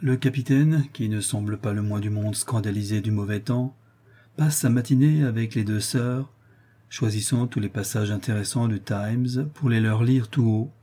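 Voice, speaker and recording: A man's voice: on the low side, moderate pace, warm tone, husky. A man reading a novel aloud as an audiobook narrator, lifting his voice slightly for the characters' lines. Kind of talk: scripted narration.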